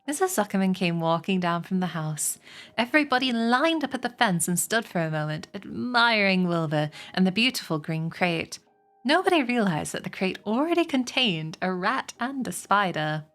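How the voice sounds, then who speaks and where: A woman reading a children's novel aloud on a stream, slowing and lifting her voice for the characters' lines. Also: medium pitch, sing-song, fairly bright tone, faint music behind. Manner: slows and lifts her voice for quoted characters.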